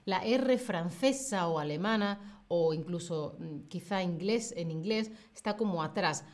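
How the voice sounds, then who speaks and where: A woman's voice: fairly low pitch, a little slow. A woman from Spain teaching Spanish pronunciation in a live online lesson, patient and encouraging, stretching out sounds to demonstrate them.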